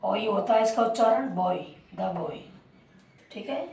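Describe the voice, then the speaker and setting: A woman teaching English grammar in a classroom-style lesson, with an Indian English accent, dictating phrases slowly and quizzing with rhetorical questions. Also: fairly high pitch, a little mellow, recorded from a distance, slight background noise. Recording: echoey room, voice from off the mic.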